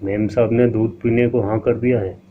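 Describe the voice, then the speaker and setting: A man's voice: lowish voice, little pitch movement, moderate pace, lightly acted. Sly sweet-talking maid, guy doing her, coaxing, tinny hissy audio. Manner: coaxing and wheedling. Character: fawning sly female maid. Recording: tinny lo-fi line with faint hiss.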